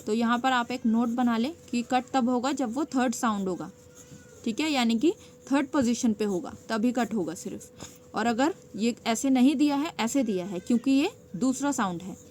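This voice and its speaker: A woman teaching a stenography lesson, explaining each step patiently and often pausing to check that it is clear. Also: on the high side, a little mellow, slight background noise. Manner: patient, checks in with frequent "okay" and "theek hai".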